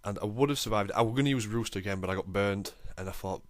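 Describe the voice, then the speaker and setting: Low-voiced man, chatty game commentary. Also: fast talker, dry recording. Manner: chatty, self-deprecating, lightly excitable. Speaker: gaming channel host. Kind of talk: casual game commentary voice-over.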